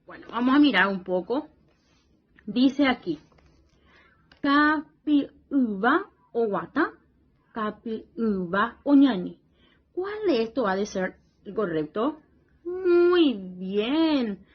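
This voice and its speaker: A woman teacher talking young children through a worksheet, slow and patient, often praising and checking they follow along. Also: a little high, sing-song, breathy edge, dull audio. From Paraguay region.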